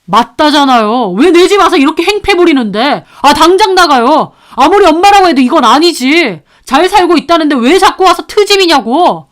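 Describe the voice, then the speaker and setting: A woman's voice: sits high, very animated, a little fast, few pauses, pitched above the performer's own voice. A woman voicing a defensive grown son who argues back at his mother in a dramatized story. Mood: defensive arguing. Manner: arguing, sulky.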